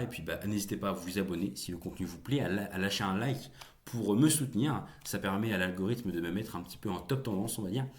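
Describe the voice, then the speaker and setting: A young man hosting a casual solo video, chatty and jokey with viewers, rambling with many fillers and restarts. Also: on the low side. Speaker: YouTube host reacting to film news.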